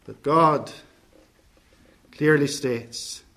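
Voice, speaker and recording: A man preaching a sermon in a measured, deliberate way, setting out points one by one and listing phrases with care. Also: a little high, pushed and bright.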